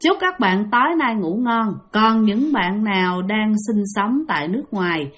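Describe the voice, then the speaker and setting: A woman's voice: medium pitch, lively intonation, normal speed, a bit bright. A woman with a Southern Vietnamese accent hosting a ghost-story show, chatting straight to her listeners and repeating phrases as she tells the tale.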